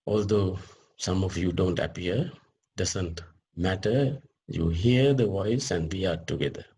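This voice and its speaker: Mellow, low and husky, a man's voice leads a meditation, instructing a group the way a teacher would. Each short phrase comes very slowly and deliberately, followed by a pause.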